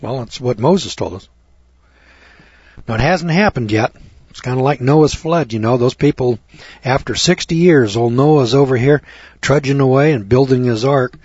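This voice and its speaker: A man's voice: mid-range voice, moderate pace, darkish tone, slightly rough, no room sound, dull audio. An older American man preaching, reading scripture aloud and breaking off into blunt, crude, scornful remarks. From United States. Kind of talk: folksy sermon reading scripture.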